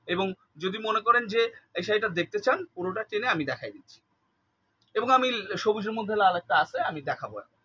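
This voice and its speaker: A man from Bangladesh, chatting through a live sales pitch for sarees, repeating details and slipping English words into his talk. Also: bright, forceful tone, slightly rough, muffled recording. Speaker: saree seller on a live stream.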